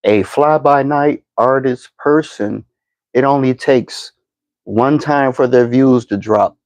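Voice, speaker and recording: A man in his fifties, a podcast host giving slow, deliberate motivational advice, with frequent fillers and repeated words. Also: mid-range voice, darkish tone, dry recording, rough recording. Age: 50s. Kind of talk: motivational talk to camera.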